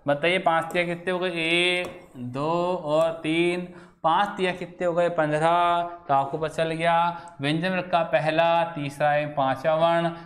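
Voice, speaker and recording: A male Hindi teacher with a slightly high, fairly bright voice gives a classroom lecture in a flat manner, and the room echoes. He poses questions to the class, answers them himself, and stretches out key words.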